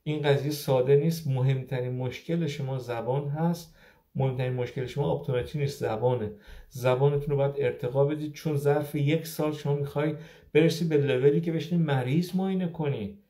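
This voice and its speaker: A man's voice: medium pitch, steady tone, mellow. A man in his fifties from Iran, an optometrist giving casual advice on a live stream, asking rhetorical questions and repeating key points for emphasis. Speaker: optometrist sharing migration advice.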